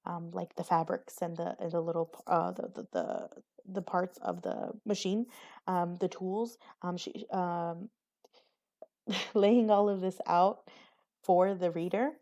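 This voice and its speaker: A woman's voice: lowish voice, steady tone, measured pace, dark tone. A young woman giving a recorded class presentation on a poem, hesitant, with many fillers and restarts. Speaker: student presenter.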